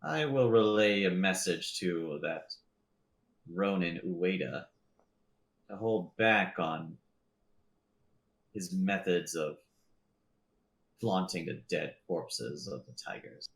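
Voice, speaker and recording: A man's voice: low-pitched, lively intonation, slow pace, gravelly, pauses often, echoey room, pitched below the performer's own voice, full character voice. A man voicing a haughty noble lord in a tabletop game, formal and dismissive. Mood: cool, condescending.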